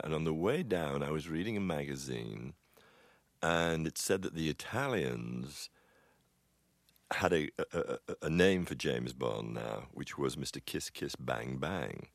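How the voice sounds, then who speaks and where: A man who composes film music, recalling stories in an interview, halting and full of restarts and chuckles. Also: rumbling low, vocal fry, dry recording. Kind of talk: anecdotal interview chat.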